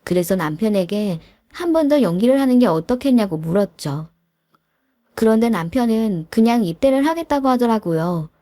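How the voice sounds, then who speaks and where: A woman telling a scripted first-person story in a calm, confiding way. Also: a little high, normal speed, no room sound, studio quality.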